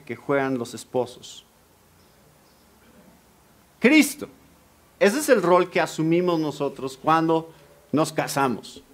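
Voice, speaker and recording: A Mexican pastor with a Mexican Spanish accent and a fairly high-pitched voice preaches a lively sermon, putting questions to the congregation.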